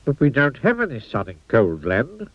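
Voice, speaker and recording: A man's voice: mid-range voice, wildly swooping pitch, normal speed, no room sound, pitched above the performer's own voice. A man voicing Mr Sneeze, a little man who always sneezes, speaking in a puzzled, plaintive way. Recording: dull lo-fi old TV soundtrack.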